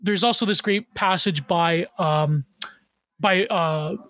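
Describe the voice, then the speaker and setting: A man's voice: high voice, slow, fairly bright tone, no room sound. A man talking as a guest on a casual podcast, rambling with many fillers and restarts.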